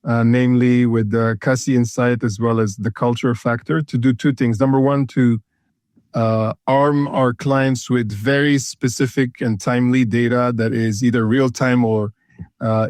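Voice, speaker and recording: The founder of a consulting firm, a man from Ethiopia, gives a conversational interview in a slightly mellow medium-pitched voice with no echo. He sounds hesitant, repeating words and using many fillers.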